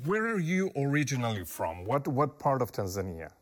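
A man interviewing a bishop, asking polite, formally worded questions with frequent halting restarts. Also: mid-range voice, very animated, loud music behind the voice.

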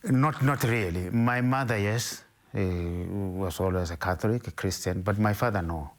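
Speaking in a fairly low pitch, this middle-aged Zimbabwean man, a bishop and native Ndebele speaker, responds to an interviewer in a halting manner. He restarts his sentences many times.

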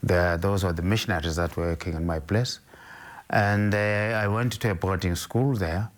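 A middle-aged man from Zimbabwe, a bishop whose native tongue is Ndebele, speaks in a deep voice with fairly even intonation. In the interview he answers haltingly, restarting frequently.

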